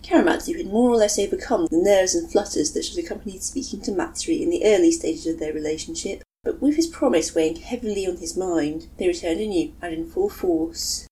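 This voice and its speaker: A woman reading fan fiction aloud, expressive in her storytelling. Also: on the low side, brisk, few pauses, low-quality recording. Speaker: reader.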